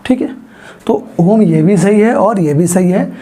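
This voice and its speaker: A man teaching a grammar lesson, explaining slowly and asking his students frequent questions as he writes on a board. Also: high voice, dark tone, slightly rough. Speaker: Hindi teacher.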